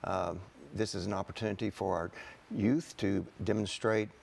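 Farmer guest, 60s, low gravelly voice, plain-spoken with lots of "uh"s, studio interview. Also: male voice, steady tone, normal speed, darkish tone. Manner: plain-spoken, earnest, many uh fillers. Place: TV studio set.

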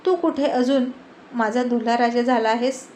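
A woman's voice: a little high, normal speed, a little mellow, slight background noise, natural voice. A woman voicing a coy young sweetheart who teases and plays hard to get. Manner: playfully sulky, coy.

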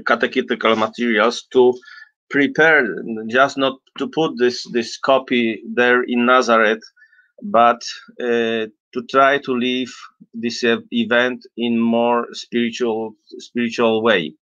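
Man in his fifties, non-native English, slow hesitant delivery, explanatory talk, dull lo-fi webcam sound. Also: medium pitch, little pitch movement, pushed and bright, dry recording. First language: not English. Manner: halting, hesitant, searching for words, frequent throat-clearing. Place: small indoor room with bookshelves.

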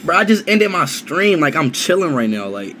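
A man's voice: a little high, very animated, moderate pace, sharp tone, a little hiss or hum. A young man talking casually with a friend after a stream, loose and slangy, often trailing off. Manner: loose slangy talk, trails off, says bro a lot.

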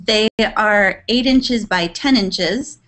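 A woman who designs sewing patterns, explaining them in a casual video chat, measured with frequent fillers and soft laughs. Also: medium pitch.

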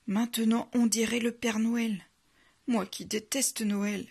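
A woman's voice: on the high side, flat delivery, slow, creaky, darkish tone, breathy edge, heavily acted. Woman voicing a fussy big bad wolf. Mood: dismayed. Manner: fussy, exclaims in dismay.

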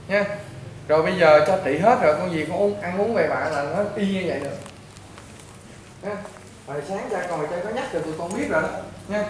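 Speaking in a high voice with a Southern Vietnamese accent, this male priest bluntly lectures a patient during an informal counseling talk, repeating himself and treating the listener like a child. The recording is echoey and distant, with loud background noise.

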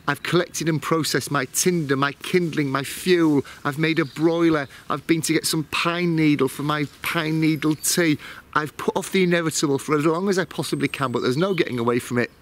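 A man's voice: a little high, fairly bright tone. A man in his forties, a bushcraft vlogger, chatting to camera in a casual, self-mocking way as he explains his kit outdoors in a woodland.

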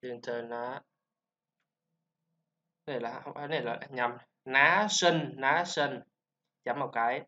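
Vietnamese-accented male teacher drilling English syllables, unhurried and bright, dull homemade sound. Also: medium pitch. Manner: slow, repeats sounds and drills syllables, chatty asides. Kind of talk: informal pronunciation lesson.

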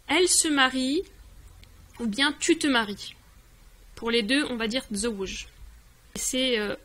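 High bright voiced lady teacher, slow and patient, repeats every word. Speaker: online language teacher. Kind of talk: explaining a dialogue step by step.

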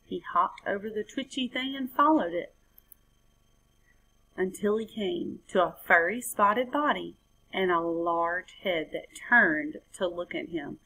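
Her lowish, husky voice is bright and forceful, with lively intonation and an unhurried pace, as this woman in her thirties expressively reads a children's story. She records in an indoor room at home through a webcam or laptop mic, and the recording is rough.

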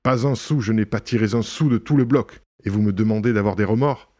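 A man reading an audiobook, voicing a proud, ironic young gentleman burglar who bursts into indignation and mockery. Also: on the low side, a little fast, lightly acted. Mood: indignant. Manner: indignant outbursts, mocking irony.

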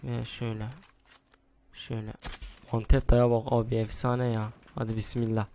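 A young man giving casual commentary while he plays a shooter game, mostly hushed because it is late at night, with sudden excited outbursts and groans. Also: mid-range voice, normal speed. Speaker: gaming YouTuber. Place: room at home at night.

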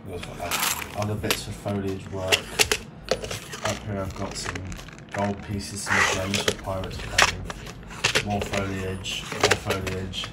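In an echoey indoor room, a YouTube host stands beside his hobby build and gives a casual, unscripted show-and-tell, thinking aloud informally. His voice is deep and monotone, and he takes it slowly. The very noisy recording comes from a distant mic with music playing behind.

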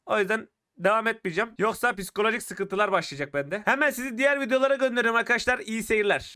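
A young man commentating his mobile shooter game, getting frustrated and shouting at opponents. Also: very high-pitched. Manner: excitable, frustrated outbursts while playing. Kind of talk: live gameplay commentary. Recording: clear game gunfire behind the voice. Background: shooter game gunfire and clicks.

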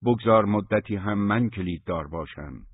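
A man's voice: fairly low pitch, husky, no room sound. A man voicing a hot-tempered, blunt younger brother who talks in curt, commanding lines. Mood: angry. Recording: thin phone-like dry recording.

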